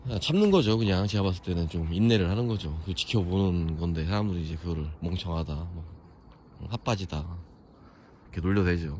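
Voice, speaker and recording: A young vlogger from Chungcheong, South Korea, tours a hilltop historic fortress, offering rambling, opinionated walking commentary full of fillers. He speaks briskly in a low, darkish voice, with a little hiss or hum in the background.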